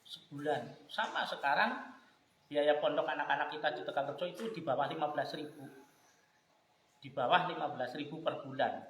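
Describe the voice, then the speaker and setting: A man with a Javanese accent preaching and telling personal stories, swinging from loud to hushed and mixing in Javanese. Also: fairly high pitch, creaky, reverberant, slight background noise, rough recording. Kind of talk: religious talk with personal stories. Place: gathering hall.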